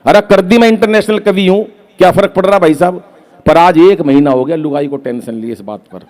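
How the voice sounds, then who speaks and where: A man performing comic poetry on stage, telling stories with acted-out quotes and loud punchlines. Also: a little high, fairly quick. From Haryana. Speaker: stand-up poet.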